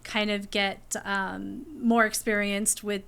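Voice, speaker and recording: A middle-aged woman from California, a dietitian guest answering interview questions in a relaxed, friendly way and laughing easily. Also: mid-range voice, slow pace, vocal fry, clean tone.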